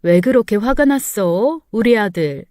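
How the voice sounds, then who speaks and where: A woman voicing a gentle middle-aged mother who speaks softly and apologetically in a story. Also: mid-range voice, lively intonation, measured pace, no room sound, clean studio sound, pitched above the performer's own voice, lightly acted. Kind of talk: storytelling narration.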